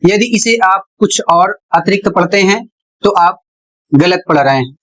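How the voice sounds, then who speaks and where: A man's voice: high-pitched, normal speed, a bit bright, rough recording. A man teaching as an English pronunciation teacher, explaining patiently step by step and spelling words out letter by letter. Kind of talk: explanatory lesson.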